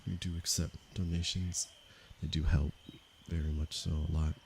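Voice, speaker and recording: A man from Canada, a meditation teacher, speaking softly and unhurriedly to viewers of his livestream. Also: rumbling low, level tone, creaky, a little hiss or hum. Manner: slow, soft-spoken and unhurried, with pauses. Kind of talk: calm livestream talk to viewers.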